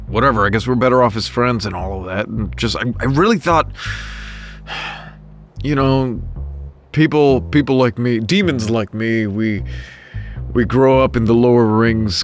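A man's voice: medium pitch, natural voice. A man playing a frustrated young male demon in a tabletop game, rambling and exasperated. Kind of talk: tabletop role-play.

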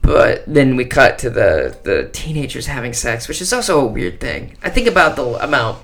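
A man's voice: medium pitch, normal speed, creaky. A man co-hosting a podcast in casual chat, recapping a TV episode with crude jokes and acted-out lines. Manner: animated, crude, jokey, acts out characters' lines. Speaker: podcast co-host.

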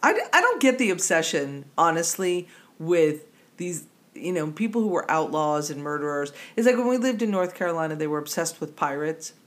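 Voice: mid-range voice, sing-song, a little fast. A podcast co-host with a New Jersey accent in casual, digressive chat who laughs easily.

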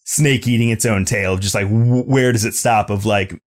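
Man, lowish voice, podcast co-host, casual chat, halting, searching for words. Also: steady tone. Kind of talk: casual chat reviewing a show.

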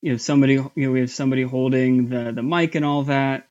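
A man guesting in a casual interview about his voice acting work, talking in a halting way with many fillers and restarts. His voice is somewhat high. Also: steady tone, a little mellow, highs cut off. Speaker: voice actor guest.

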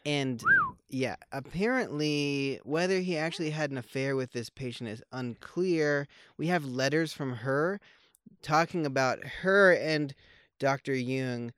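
A man's voice: mid-range voice, measured pace, fairly bright tone, clear, resonant tone. A man co-hosting a podcast, chatting casually and joking about films while rambling with many fillers and restarts. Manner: joking, wry. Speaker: podcast co-host. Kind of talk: casual conversational film chat.

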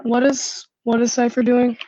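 Player: woman, fairly high mellow voice, easygoing, dull dry recording. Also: monotone, normal speed, dry recording. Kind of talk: casual tabletop game play.

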